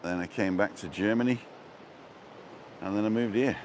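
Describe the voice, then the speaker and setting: With a lowish, slightly mellow voice at a moderate pace, an English livestream host chats casually and jokily on a rambling seafront walking tour, responding to his viewers. He was born in England and lived in Wales and abroad, and the outdoor street noise is considerable.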